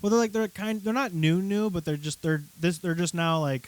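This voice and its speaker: A young adult man co-hosting a podcast in casual chat, talking in halting bursts and restarting his sentences. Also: sits high, steady tone. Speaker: podcast co-host.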